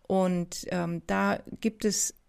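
A woman therapist speaking gently, with many pauses and restarts, asking the listener reflective questions. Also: lowish voice, steady tone, creaky, clean tone. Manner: addresses listener directly with questions. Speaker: somatic experiencing therapist. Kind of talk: reflective coaching talk.

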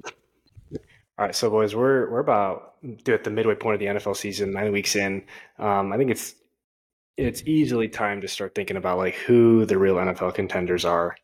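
Low husky guy rambling about football on a podcast, lots of ums. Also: moderate pace, poor audio. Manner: rambling, filler-heavy. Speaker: podcast co-host. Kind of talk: casual sports chat.

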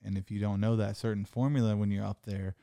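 A man's voice: on the low side, little pitch movement, quick pace, vocal fry, dark tone, smooth, dry recording, clean studio sound. A man in his thirties chatting casually as a podcast host and comic, rambling with lots of "like" and swearing. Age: 30s. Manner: loose, rambling, swears often, says "like" a lot. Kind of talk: casual chat.

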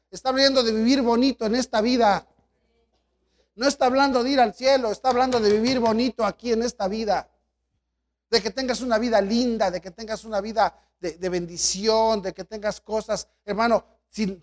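A man preaching a sermon as pastor, swinging between loud exhortation and quiet storytelling asides. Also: extremely high pitch.

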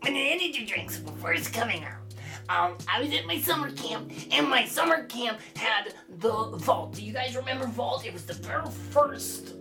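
A woman on a podcast telling a casual, animated story with fillers, recorded from far off with music behind. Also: fairly high pitch, moderate pace, vocal fry. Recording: distant mic, music behind.

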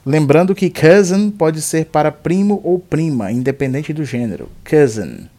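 A man with a Brazilian Portuguese accent teaching English vocabulary, slowly repeating each word for the learner to echo. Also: fairly high pitch, animated, mellow. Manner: slow, deliberate drilling of words and phrases. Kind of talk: language lesson with repeat-after-me drills.

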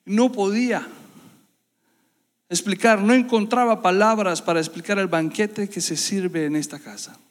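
A man preaching a sermon to his congregation, impassioned and building to loud, repeated emphasis. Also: sits high, unhurried. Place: church hall. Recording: long reverb of a church hall.

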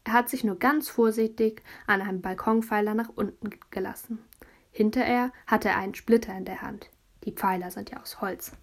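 A woman narrating a children's audiobook in a lively storytelling voice, telling it as a child would. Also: medium pitch, normal speed.

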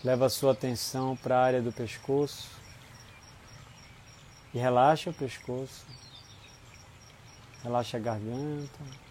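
A man with a Brazilian Portuguese accent leads a guided relaxation in a soothing, unhurried manner, leaving long pauses between short phrases. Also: medium pitch, fairly even intonation, a little mellow, slight background noise. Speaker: guided meditation instructor. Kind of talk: guided body-scan relaxation.

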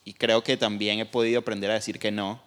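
A man's voice: lowish voice, little pitch movement, fast talker, fairly bright tone, clear, resonant tone. A man sharing a personal story honestly and reflectively, with a little hesitation. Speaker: guest sharing testimony. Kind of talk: candid personal testimony.

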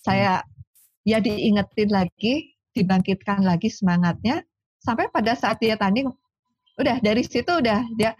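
A woman, a sports psychologist telling lively stories in a casual interview. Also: mid-range voice, normal speed, no room sound, muffled recording. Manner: animated storyteller, acts out quoted dialogue.

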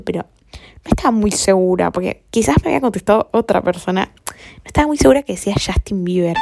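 A woman's voice: medium pitch, gravelly, a little mellow, slightly rough, no echo, clean studio sound. A young woman with an Argentine accent tells a story in a casual, chatty way. She swears a lot, uses plenty of slang and often drops to a whisper. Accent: Argentine Spanish.

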